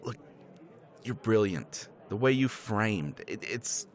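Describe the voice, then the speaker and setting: A man takes on the role of a middle-aged professor in a romance roleplay, tipsy on scotch, rambling persuasively with chuckles and casual cursing. He speaks slowly in an animated voice on the low side.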